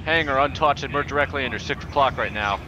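A man's voice: mid-range voice, fast, highs cut off. A man in a multiplayer flight game, playing at pilot radio talk with fake cockpit lingo. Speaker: multiplayer flight sim player. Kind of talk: mock pilot radio chatter. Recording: noisy voice chat over game sounds.

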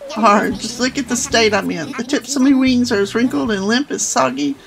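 A woman's voice: fairly high pitch, normal speed, creaky, over music. A woman reading game dialogue aloud, voicing a boastful male pirate seagull in salty sailor talk. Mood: grumbling.

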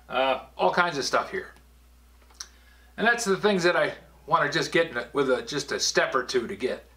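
An older man, a woodworker, gives a casual, folksy tour of his cluttered basement workshop, rambling through anecdotes with dry asides. His voice is fairly high-pitched with a fairly bright tone, and the recording echoes around the workshop room.

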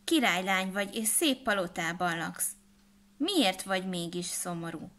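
A lively little snowflake girl from a storybook, put on by a woman narrator. She chatters with bright, eager curiosity. Her voice sits a touch higher than plain narration. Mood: curious.

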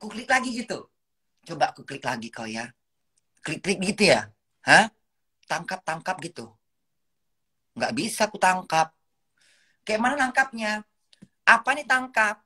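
A woman's voice: medium pitch, sing-song, a little slow, pauses often, bright, forceful tone, husky. A woman, chatting casually on a phone live stream and reading viewer comments. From Indonesia. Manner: chatty, meandering, talks to viewers, refers to herself as Bunda. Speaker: livestream host.

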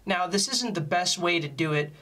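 Giving a relaxed, step-by-step music gear tutorial at a moderate pace, this man explains things plainly in an informal instructor's manner. His voice is bright and forward, pitched slightly high for a man.

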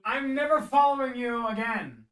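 A man in casual gameplay chat, playful and excitable, his voice jumping from low mutters to high calls. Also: moderate pace. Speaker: VR game streamer.

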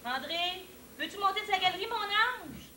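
A woman's voice: extremely high pitch, animated, normal speed, noisy background. A woman with a Québécois accent acting on stage as a fussy, preachy neighbour full of advice. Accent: Québécois French. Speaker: stage actor. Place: theatre stage. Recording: echoey stage audio from far off.

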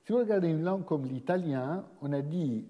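A man giving an academic seminar lecture in a measured way, pausing often and restarting his phrases. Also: fairly high pitch, animated, warm tone. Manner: measured, frequent hesitations and restarts. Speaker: guest lecturer. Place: lecture hall. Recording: long reverb of a lecture hall.

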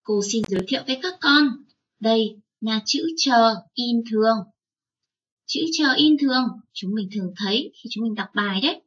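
A woman teaching young children, spelling out sounds slowly and drawing out each syllable. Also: fairly high pitch, a bit bright, far from the mic, dull audio. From Vietnam. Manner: slow, drawn-out spelling aloud. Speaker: first-grade teacher.

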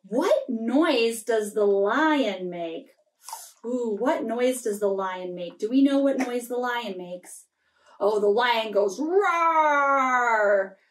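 High-voiced lady librarian doing kids storytime slow and sing-songy, echoey room, mic far off. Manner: gentle, exaggerated sing-song with gasps and animal noises. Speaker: children's librarian. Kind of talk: children's storytime reading. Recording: roomy, distant camera audio.

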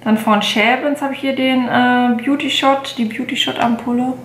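A woman's voice: fairly high pitch, steady tone, moderate pace, fairly bright tone, echoey room, a little hiss or hum. Chatty woman in her late twenties. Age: 20s. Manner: chatty, rambling, many fillers and self-corrections. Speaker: beauty vlogger. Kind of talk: casual haul vlog. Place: bedroom at home, indoors.

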